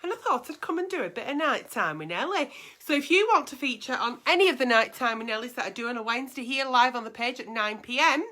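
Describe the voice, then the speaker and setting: A woman's voice: on the high side, expressive, fast talker, hardly any pauses, sharp tone. A woman hosting a chatty livestream in a campy, theatrical, cheeky auntie manner. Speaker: host of a live online advice show. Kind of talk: chatty livestream, reading out viewers' messages. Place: bedroom at home.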